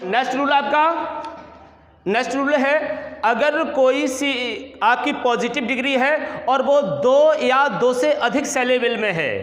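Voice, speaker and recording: A man's voice: very high voice, lively intonation, takes it slowly, fairly bright tone. A male teacher giving a grammar lesson, spelling words out letter by letter and often checking that students follow. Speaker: English teacher. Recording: echoey room with long reverb.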